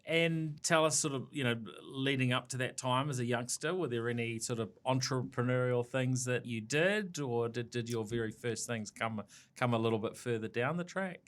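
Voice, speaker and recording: Speaking at normal speed with a medium pitch, this New Zealand-accented podcast host interviews a guest on business topics. His manner is relaxed and friendly, though he restarts sentences and uses a lot of fillers.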